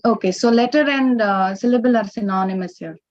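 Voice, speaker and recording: Very slow, polite woman on a muffled line. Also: a little high, dry recording. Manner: polite, questioning, seeking confirmation. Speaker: class participant.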